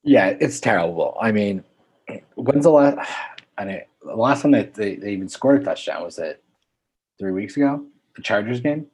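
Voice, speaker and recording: A man with a low, slightly husky voice chats about sports as a podcast co-host. He speaks in an easygoing way and often hesitates with "um.". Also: animated, moderate pace, a little mellow. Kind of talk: casual sports chat.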